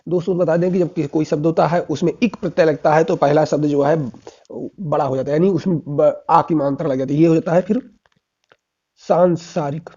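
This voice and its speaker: A man's voice: a little high, fairly even intonation, fast talker, dark tone. A man teaching an exam-prep lesson in a casual spoken style, drilling answers by asking and repeating them. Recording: dull lo-fi recording.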